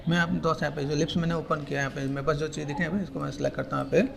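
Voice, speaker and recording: A man giving a casual, repetitive software tutorial, pointing things out step by step. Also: fairly high pitch, fairly even intonation, rapid-fire, vocal fry. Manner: repetitive, keeps saying "here" and "okay". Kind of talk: casual screen-recorded tutorial.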